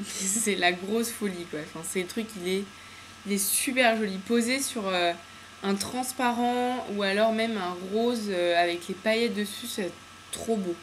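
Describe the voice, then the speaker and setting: A woman's voice: medium pitch, steady tone, a little slow. A bubbly woman chats to her viewers from home about her latest polish finds. She rambles happily, stumbling over fillers and slang. Her voice sits in a middle register, with a faint hiss of background noise. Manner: chatty and enthusiastic, many fillers and slang. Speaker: beauty vlogger. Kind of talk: casual nail polish haul chat. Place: home room with windows open to the street.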